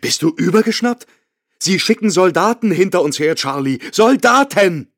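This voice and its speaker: A man's voice: expressive, normal speed. A man voicing a frightened, furious young mother who shrieks at her husband in an audiobook reading. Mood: shrill, furious. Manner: shrill, shouting.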